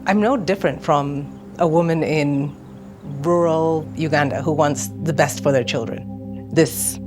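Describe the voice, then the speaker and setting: A woman speaking earnestly as an advocate in a documentary interview. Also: sits low.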